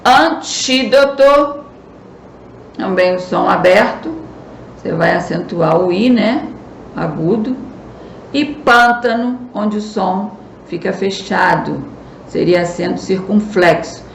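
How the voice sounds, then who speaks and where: A woman's voice: lowish voice, unhurried, gravelly. A Brazilian woman teacher with a Brazilian Portuguese accent, patiently explaining a recorded school lesson and stressing key words. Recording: echoey room, faint noise.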